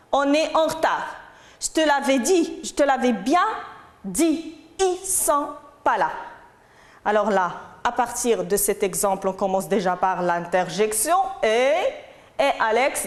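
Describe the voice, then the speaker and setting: A woman teaching a French lesson, explaining slowly and patiently and checking in with her students as she goes. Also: on the high side, a little mellow, roomy sound. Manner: explains patiently, slow and repetitive, asks "d'accord?". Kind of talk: recorded lesson.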